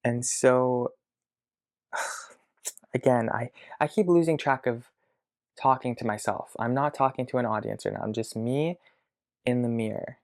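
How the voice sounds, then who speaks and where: A man of about twenty talking to his future self in a video diary from his childhood bedroom, hesitant and reflective, pausing to think aloud. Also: medium pitch. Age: around 20. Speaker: vlogger.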